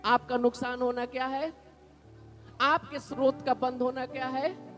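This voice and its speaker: A pastor delivers a sermon in an unhurried, measured way, leading the congregation in call-and-response declarations. His voice sits high for a man. Faint music plays behind him. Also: little pitch movement, fairly bright tone. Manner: repetitive call-and-response preaching, has congregation repeat declarations. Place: church.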